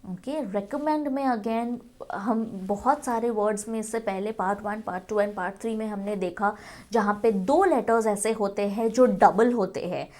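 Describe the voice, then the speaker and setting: A woman's voice: mid-range voice, moderate pace, darkish tone. A woman teaching English spelling in a mix of Hindi and English, spelling words letter by letter and often saying "okay". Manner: addresses viewers as friends, frequent "okay".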